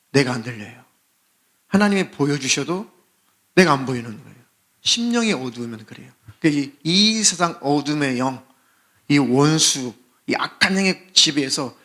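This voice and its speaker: A man, a pastor, preaching a sermon with passion and acting out pleading prayers and cries for help. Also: fairly high pitch. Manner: impassioned preaching, acts out pleading prayers and shouts. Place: church sanctuary.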